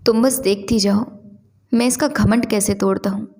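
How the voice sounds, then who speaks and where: A woman's voice: medium pitch, steady tone, normal speed, vocal fry, a little mellow, in a large hall, natural voice. A woman voicing a proud, sarcastic young man in a told story, speaking dismissively. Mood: scornful. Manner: cocky, dismissive.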